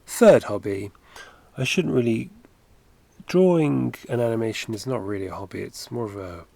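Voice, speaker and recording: This animation streamer, a man in his thirties, talks while drawing on a livestream from an indoor home studio, wandering and self-correcting as he goes. His medium-pitched voice is creaky and warm at normal speed, captured dry through a headset.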